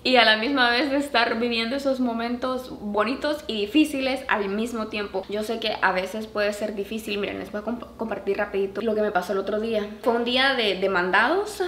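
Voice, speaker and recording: A chatty woman vlogger talks to her viewers about motherhood in a relaxed, animated way, her voice sitting a little high. The recording is roomy and echoey, with a faint hiss of noise behind her. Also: brisk, hardly any pauses. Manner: animated, acts out quoted voices in a higher pitch. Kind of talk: casual storytelling to camera.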